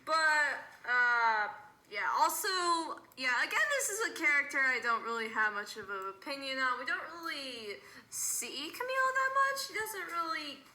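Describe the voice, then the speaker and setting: A woman's voice: high-pitched, very animated, moderate pace, pushed and bright, echoey room. A woman talking through a casual vlog, rambling, giggling often and correcting herself mid-sentence. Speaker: YouTuber.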